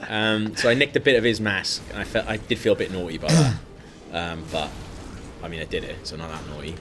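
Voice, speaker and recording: A man's voice: sits low, brisk, a crowd in the background. A young man co-hosting a casual chat, rambling with lots of fillers and frequent laughter. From Wales. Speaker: podcast co-host.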